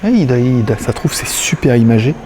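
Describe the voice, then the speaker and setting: Vlogging casually through an exhibition, a man chats loosely with frequent laughs and fillers, his mid-range voice warm, fast, and lively in intonation. It's recorded on a handheld camera on a stabilizer, with slight background noise.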